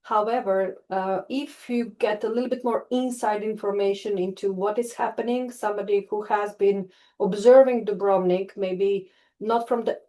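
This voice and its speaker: A tourism researcher from Istria, Croatia, gives an online webinar presentation over a video call, hesitating often with fillers and restarts. Her mid-range, warm voice moves at a moderate pace with fairly even intonation.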